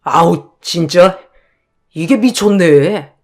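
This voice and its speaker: A hot-tempered young husband, played by a woman in a radio drama, bullying and aggressive as he shouts down his wife. His delivery is slow and forceful. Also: medium pitch, soft background music. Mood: angry.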